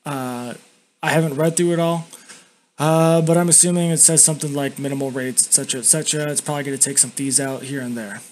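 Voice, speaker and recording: A young man giving a casual, blunt, sweary software review, talking with tobacco dip tucked in his lip. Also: a little high, steady tone, quick pace, low-quality recording. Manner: talks with a lip full of dip. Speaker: YouTube reviewer. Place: indoors at a home computer. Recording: constant background noise.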